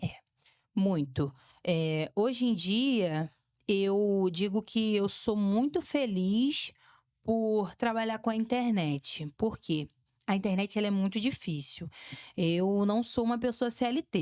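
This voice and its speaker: A young Brazilian woman, a podcast guest, speaking candidly and telling animated stories, acting out the voices of people she quotes. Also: mid-range voice. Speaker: podcast guest, samba dancer and influencer. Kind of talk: candid interview talk.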